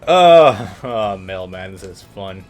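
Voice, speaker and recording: An American man co-hosting a let's play speaks slowly in a lowish voice with lively intonation, soft music playing behind him. His gaming chat and commentary are casual and full of swearing.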